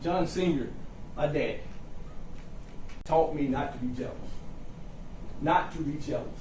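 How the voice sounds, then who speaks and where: A man with a high-set voice argues as a defense attorney in a roomy, reverberant courtroom, picked up from a distance. He is impassioned and folksy, hammering short phrases and repeating them for emphasis as he appeals to the jury. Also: a little slow, a little mellow. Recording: roomy echo, distant mic, faint noise.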